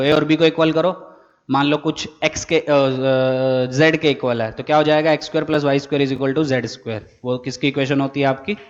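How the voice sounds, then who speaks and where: A man teaching physics. He explains step by step, asks questions and answers them himself, and keeps saying "theek hai". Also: a little high. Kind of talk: classroom lecture. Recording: dull lo-fi sound with long reverb.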